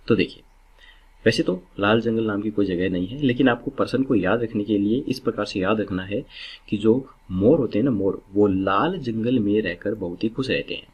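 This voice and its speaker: A man's voice: fairly low pitch, breathy edge, highs cut off. A man teaching exam memory tricks, explaining step by step and repeating key words to drill them in.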